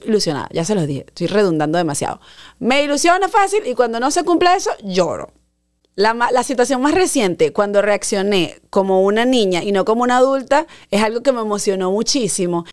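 A woman hosting a podcast, telling a personal story in a casual, animated way and acting out the quoted voices. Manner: animated, acts out quoted voices, dramatic pitch jumps. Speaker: podcast host.

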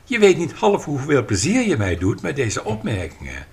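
A man's voice: mid-range voice, huge pitch swings, moderate pace, creaky, a little mellow, husky. A man talking on a podcast, explaining his views with emphasis and acting out little quoted dialogues. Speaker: podcast guest and writer. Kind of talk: conversational podcast talk.

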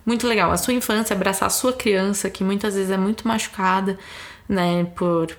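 A woman's voice: medium pitch, fairly even intonation, normal speed. A young adult woman with a Brazilian accent, a mother in a casual chat who explains thoughtfully and acts out what she tells her small child. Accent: Brazilian Portuguese. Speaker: mother discussing parenting.

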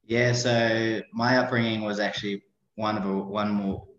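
Echoey, even-toned New man. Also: fairly low pitch, moderate pace. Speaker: podcast guest, personal trainer. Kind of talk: casual remote interview chat. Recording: dull roomy online call audio.

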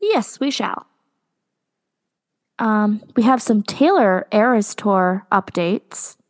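A young woman co-hosting a casual podcast chat, talking with lots of ums and pauses. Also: mid-range voice, expressive. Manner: chatty, hesitant with many ums. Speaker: podcast co-host.

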